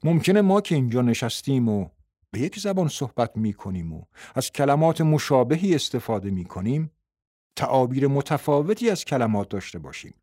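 A man reading a self-help book in a calm, explanatory narration, taking the part of the counselor. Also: mid-range voice, slightly rough, no room sound, clean studio sound. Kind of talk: scripted narration.

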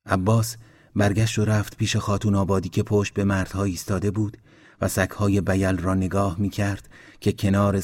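A man narrating a story in a steady, measured reading. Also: deep voice.

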